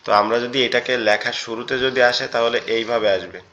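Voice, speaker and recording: A man's voice: mid-range voice, pushed and bright. Patient man teaching letters, lo-fi. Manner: patient, repeats each point slowly. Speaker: Quran teacher. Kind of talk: online lesson on Arabic letters.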